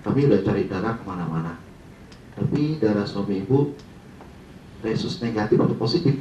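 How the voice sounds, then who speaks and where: A man's voice: on the low side, lively intonation, fairly quick, warm tone, a little hiss or hum, lightly acted. A man voicing a hospital doctor who soberly and regretfully gives bad news, heard in a dull, roomy recording from a distant mic. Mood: grave.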